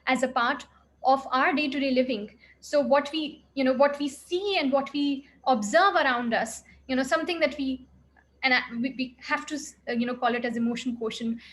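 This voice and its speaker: Woman psychologist, pretty high voice, earnest talk, says you know a lot. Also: normal speed, fairly bright tone. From India. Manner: earnest, heavy use of "you know" fillers. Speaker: clinical psychologist giving an expert talk. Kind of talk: reflective expert talk.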